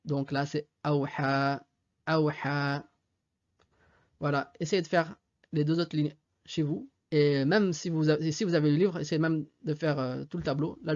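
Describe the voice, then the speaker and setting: A man's voice: on the high side, darkish tone, lo-fi sound. A male teacher giving a reading lesson, patiently spelling out sounds letter by letter. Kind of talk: slow step-by-step reading lesson. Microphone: desktop USB mic.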